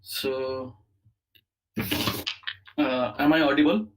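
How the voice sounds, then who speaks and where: A man with an Indian accent giving an online academic lecture as a professor, speaking haltingly with many fillers and repeated words. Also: medium pitch, low-quality recording. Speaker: university lecturer, chemistry professor.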